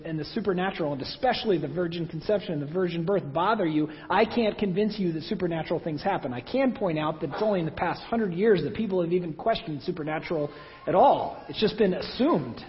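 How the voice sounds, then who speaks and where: A man preaching a sermon in a church, talking in a conversational way with self-deprecating asides. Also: high voice. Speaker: pastor. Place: church hall. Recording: dull sound with long hall reverb.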